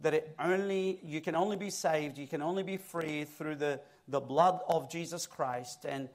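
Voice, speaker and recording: A man from Egypt, a guest preacher, giving his personal testimony on a church stage into his own mic, telling it with lively, self-mocking humor. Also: on the high side, normal speed.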